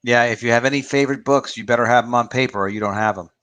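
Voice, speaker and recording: A man's voice: mid-range voice, very fast, fairly bright tone, no echo. Man in his fifties, publisher, rambling livestream opinions, dry close mic. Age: 50s. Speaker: author and publisher. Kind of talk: casual livestream chat.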